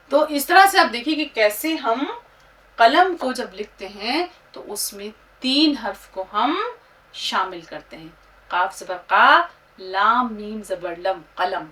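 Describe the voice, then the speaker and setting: A woman teaching how to write and pronounce words, spelling out letters and syllables slowly and reciting couplets. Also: fairly high pitch, a bit bright. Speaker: Urdu teacher. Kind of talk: slow script-writing lesson. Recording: distant mic with faint room noise.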